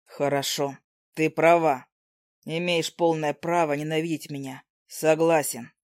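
A woman doing a brooding young demon man, low and hushed. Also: steady tone, a little slow, no echo, studio quality. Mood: subdued.

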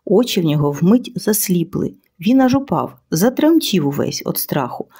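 A woman's voice: on the low side, sing-song, normal speed, warm tone, slightly rough, exaggerated voice. A woman voicing a seasoned male cave guard who tells a war tale with boastful liveliness.

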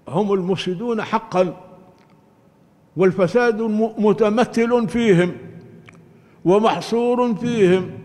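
An older man teaching Quran commentary in a deliberate, emphatic lecture style, often restarting his words. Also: sits high, darkish tone. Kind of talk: religious lecture. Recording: long hall reverb.

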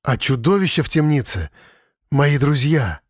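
A man's voice: a little high, animated, moderate pace, slightly rough, no echo. A man voicing a dazed schoolboy hero, close to his own voice. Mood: dawning.

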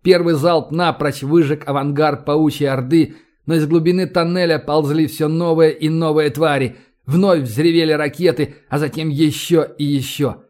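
A man narrating an audiobook in a steady, measured reading voice. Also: a little high.

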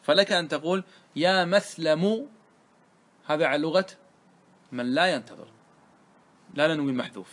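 A man gives a grammar lesson, working through a classical poem one line at a time. He poses questions to his listeners and answers them himself, slowing down whenever he quotes the verses. His voice is fairly high and a bit bright.

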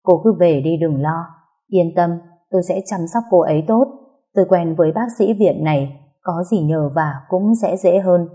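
A woman voicing a calm, protective young man who reassures the family in a storybook reading. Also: fairly low pitch, moderate pace, natural voice. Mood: reassuring.

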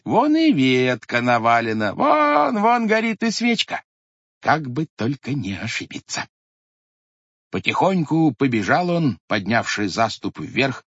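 A man narrates an audiobook with an animated, widely swinging delivery. His voice is husky, and the recording is dry and dull, lo-fi in tone. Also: mid-range voice, dry recording. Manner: animated storytelling. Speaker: audiobook reader. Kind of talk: scripted narration.

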